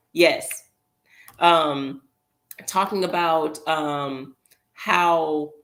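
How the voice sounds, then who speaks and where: Woman commentator with a gravelly, low-pitched voice, talking off the cuff and emphatically. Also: a bit bright. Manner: emphatic, rambling, with pauses to remember. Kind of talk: casual opinion commentary.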